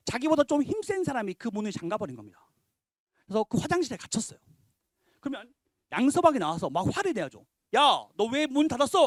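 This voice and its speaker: A male teacher lecturing parents on exam prep, his pitch rising and falling a lot as he stresses points. He asks rhetorical questions and defines words one at a time. The sound is dry and close. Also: no room sound. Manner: animated, emphatic lecturing. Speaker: Korean language teacher.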